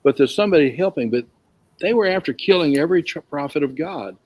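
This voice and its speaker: A man's voice: fairly high pitch, expressive, fast talker, a little mellow, dry recording. Guy running a bible study, chatty and rambly, dry close sound. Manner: chatty, rambling, with restarts and questions to the group. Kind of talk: casual group Bible teaching.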